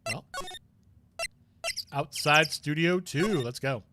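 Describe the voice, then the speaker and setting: A man's voice: a little high, lively intonation, slow pace, pushed and bright, soft background music. A man casually reading a courtroom game aloud, chatting and thinking aloud as he plays. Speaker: game reader. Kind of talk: casual let's-play reading. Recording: noisy background.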